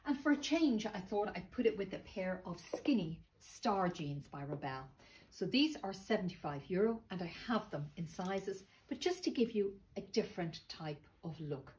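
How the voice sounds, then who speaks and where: In a small indoor clothing boutique, a middle-aged presenter with a slightly thick, sore-throat voice gives a casual sales pitch to camera. Her pitch is medium and her pace moderate; a phone a few metres away records her, with steady shop noise behind.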